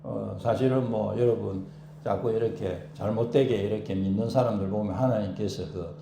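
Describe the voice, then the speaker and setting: Pastor guy preaching, lively, shouts sometimes, echoey church, faint room noise. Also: fairly low pitch, moderate pace, vocal fry. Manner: animated, acts out prayers and shouts. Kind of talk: sermon.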